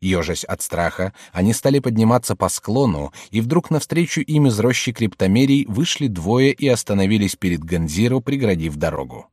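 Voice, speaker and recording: A man narrating an audiobook in a calm, steady storytelling manner, recorded in a studio. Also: lowish voice, normal speed, hardly any pauses, dry recording. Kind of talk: scripted narration.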